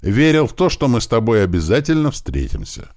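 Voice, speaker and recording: A man's voice: medium pitch, wildly swooping pitch, fairly quick, a little mellow, dry recording, studio quality, voice pushed up. A man doing a scrawny old wheezing village man. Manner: yelping, wheezing strain.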